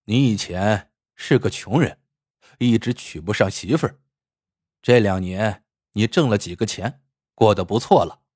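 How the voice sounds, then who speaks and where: A man voicing a clever blind man in a storybook tale, speaking in a calm, wry, husky way. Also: on the low side, measured pace, dry recording, studio quality, voice pushed down.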